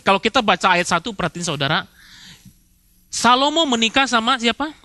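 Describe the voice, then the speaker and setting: A man's voice: a little high, pushed and bright, dry recording. A male pastor, preaching a sermon in casual slang and asking the congregation rhetorical questions. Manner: casual Jakarta slang, rhetorical questions, acts out quoted spouses.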